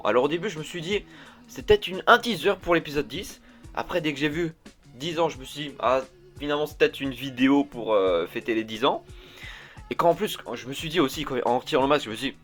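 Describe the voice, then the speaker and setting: Excitable young man rambling. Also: medium pitch. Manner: rambling, excitable, swears often. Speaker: YouTuber. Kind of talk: unscripted casual vlog talk.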